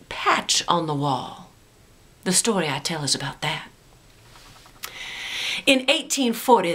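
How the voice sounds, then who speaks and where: Slow, hushed low-voiced woman telling ghost stories. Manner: theatrical, deliberate, dropping into a hushed spooky tone. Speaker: ghost tour guide and storyteller. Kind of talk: dramatic ghost story narration.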